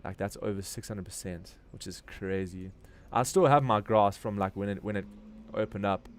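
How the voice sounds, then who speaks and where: With a slight hiss or hum in the background, a man whose voice is on the low side talks at a moderate pace. He hosts a crypto trading livestream from Durban, riffing informally on the market in a South African accent, slang and all.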